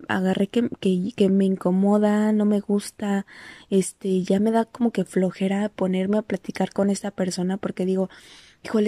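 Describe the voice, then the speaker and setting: A woman's voice: mid-range voice, warm tone, no room sound. A woman from Mexico with a Mexican accent, telling a personal story in a casual monologue, full of fillers and restarts. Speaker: podcast host.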